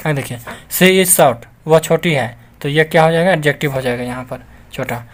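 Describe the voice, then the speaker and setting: A man's voice: a little high, normal speed. A man teaching an English grammar lesson, explaining patiently and repeating each point with frequent checks that the listeners follow. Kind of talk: classroom-style grammar lesson.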